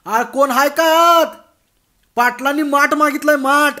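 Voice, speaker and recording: Storybook part: flustered young villager, yelling in exasperation, very high and loud, a male narrator doing him. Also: fairly even intonation, a little slow, heavily acted. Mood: shouting. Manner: shouting, exasperated. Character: timid young man forced to shout, flustered.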